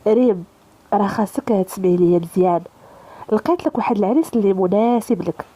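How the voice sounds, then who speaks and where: A woman's voice: mid-range voice, fast, warm tone, close to an everyday voice. A woman voicing a stern, commanding father with a Moroccan accent. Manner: serious, commanding.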